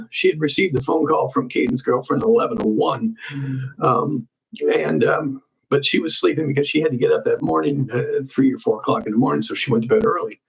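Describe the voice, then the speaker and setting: A man hosting a crime investigation show, casually walking through a case in halting speech full of ums and restarts. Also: a little high, creaky, breathy edge, low-quality recording.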